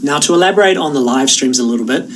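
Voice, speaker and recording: A man with a Kiwi accent talks students through an online course in an easy, chatty way, now and then pausing on an "uh". His voice sits at an ordinary middle pitch. He sounds set back from the microphone, with a faint hum of noise behind him. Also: recorded from a distance, rough recording. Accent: New Zealand. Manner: relaxed, conversational, with frequent "uh" fillers. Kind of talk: course orientation talk to camera.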